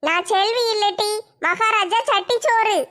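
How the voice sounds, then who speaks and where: A woman voicing a possessed village woman who acts as a pompous king, speaking slowly and grandly. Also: very high voice, fairly bright tone. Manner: slow, pompous, demanding. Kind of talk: comedy skit voice acting.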